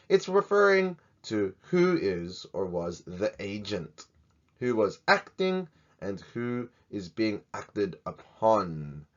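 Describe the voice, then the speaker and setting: Casting note: man, lower voice, hosting a playful grammar lesson with a dull lo-fi sound. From Australia. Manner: jokey, animated, swings in loudness. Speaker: English teacher.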